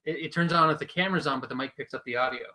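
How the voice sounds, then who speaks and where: A man's voice: a little high, very fast, bright, forceful tone, slight background noise, low-quality recording. A young man hosting a podcast, chatting casually and patiently explaining things with a dry edge. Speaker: podcast host. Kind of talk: casual chat.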